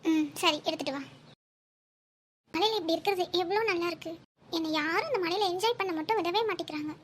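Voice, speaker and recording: A woman's voice: very high voice, brisk, a little hiss or hum. A woman voicing a cheerful, stubborn young woman in love in a cartoon, speaking playfully. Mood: wistful. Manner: playful, teasing. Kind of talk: cartoon voice acting.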